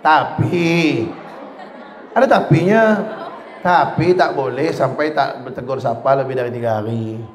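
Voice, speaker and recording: A man's voice: mid-range voice, fairly even intonation, normal speed. A man giving a humorous religious lesson, who acts out little scenes in quoted voices, recorded in a lecture hall. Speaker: religious teacher. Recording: echoey hall with faint noise.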